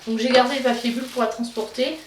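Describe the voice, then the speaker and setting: A woman's voice: on the high side, steady tone, quick pace. Belgian woman chatting casually with many fillers. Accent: Belgian French. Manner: hesitant, many fillers and restarts. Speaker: beauty vlogger. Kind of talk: casual chat. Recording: roomy, slightly distant mic, faint noise.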